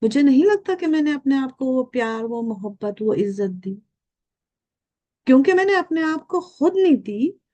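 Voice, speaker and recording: A woman's voice: high-pitched, lively intonation, normal speed, dark tone. A woman of nearly sixty, a guest speaker giving an earnest, reflective talk, putting questions straight to the viewers and dropping English phrases into her speech. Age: 50s.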